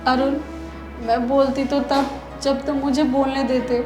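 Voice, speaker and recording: A woman's voice: sits high, flat delivery, measured pace, echoey room, over music. A woman acting as an accused wife in a comic skit, protesting and pleading.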